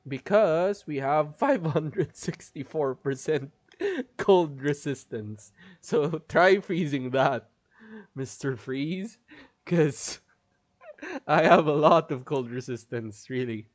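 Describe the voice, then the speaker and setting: Here a man with a slightly high voice talks slowly while streaming a game live. He's chatty, laughs frequently and explains the details of his build. His voice is strained, and he holds back a cough.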